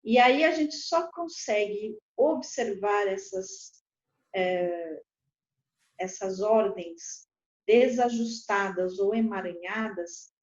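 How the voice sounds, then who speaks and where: A Brazilian woman, a lawyer, explaining calmly and acting out quoted dialogue animatedly. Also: mid-range voice, takes it slowly. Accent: Brazilian Portuguese. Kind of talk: explanatory talk. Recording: dull lo-fi recording.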